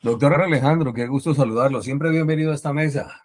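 Husky host asking questions. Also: male voice, medium pitch, quick pace, a little mellow, no echo, clean studio sound. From Colombia. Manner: asks long, repetitive questions, stumbles and repeats words. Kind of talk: interview questions.

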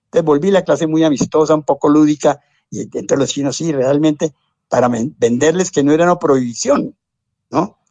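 A man's voice: fairly high pitch, normal speed, darkish tone, no room sound. An older man with a Colombian accent, a lawyer giving a rambling, anecdotal interview full of asides and self-corrections. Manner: discursive, tag questions and exclamations, self-corrects. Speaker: lawyer and science popularizer, interview guest.

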